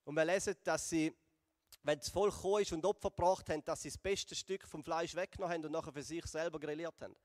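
A man with a Swiss German accent preaching a sermon and retelling a Bible story, slowing and going softer for emphasis. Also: a little high, fairly even intonation, dry recording, clean studio sound, in a large hall. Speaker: pastor.

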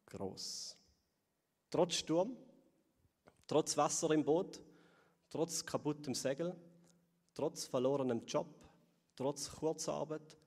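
A man preaching a sermon to a congregation and viewers at home, earnest, often sinking to soft, low tones on key words. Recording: long hall reverb.

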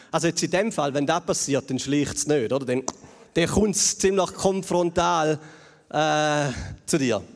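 Swiss German preacher in an echoey hall. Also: male voice, sits high. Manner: conversational, with frequent tag questions. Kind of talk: sermon. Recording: long reverb of a large hall.

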